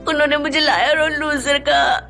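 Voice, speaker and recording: A woman's voice: high-pitched, a bit bright, faint music behind. A tearful young schoolgirl. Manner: tearful, slow, halting. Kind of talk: dubbed TV drama acting.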